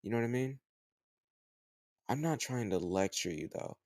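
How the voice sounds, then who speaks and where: In an intimate, conversational roleplay audio drama, a man voices a teasing home tutor, a bit older than the listener, who gently chides them. His medium-pitched voice is expressive and close to an everyday register, moving at a moderate pace. The recording is dry, and the mood is one of gentle scolding.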